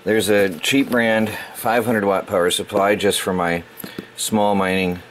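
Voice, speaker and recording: A man's voice: fairly low pitch, steady tone, measured pace, a little hiss or hum. A middle-aged man hosting a casual unboxing video, rambling and stumbling over words as he corrects himself. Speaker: tech channel host.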